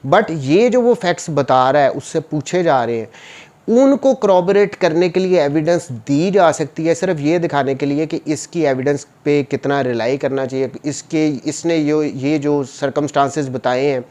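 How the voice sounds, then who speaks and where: A law lecturer with a Pakistani accent explains written rules in an informal, didactic manner, rephrasing points simply. His voice is fairly high and a little mellow, delivered at a moderate pace.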